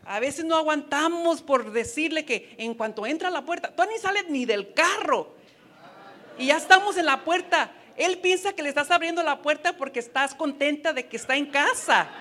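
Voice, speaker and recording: A woman's voice: high-pitched, animated, normal speed, sharp tone. A woman preaching a sermon to wives, earnest and advising, with playful asides. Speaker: women's ministry speaker.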